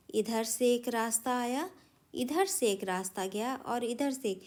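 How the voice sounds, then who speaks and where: Female primary teacher, slow deliberate delivery, spells words out for kids. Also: on the high side. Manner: patient, addresses children, spells out words slowly. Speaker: primary school Hindi teacher. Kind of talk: recorded classroom lesson for children.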